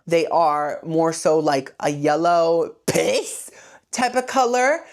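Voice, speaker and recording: A woman hosting a comedic movie retelling podcast, full of sassy, rambling asides. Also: low-pitched. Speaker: host.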